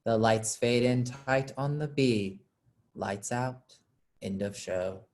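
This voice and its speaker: A woman with a rumbling low voice speaks slowly and a little mellow, with slight background noise. She reads the stage directions for a staged reading, then moderates an informal audience Q&A.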